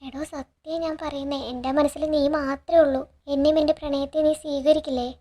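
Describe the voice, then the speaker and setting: A woman's voice: high-pitched, level tone, brisk, warm tone, lightly acted. A woman reading out a nervous young man in love. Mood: pleading.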